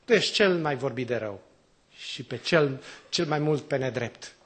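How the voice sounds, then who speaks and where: A man as priest, preaching a sermon to his congregation, asking rhetorical questions and swinging between loud exclamations and quiet drops. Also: medium pitch, expressive.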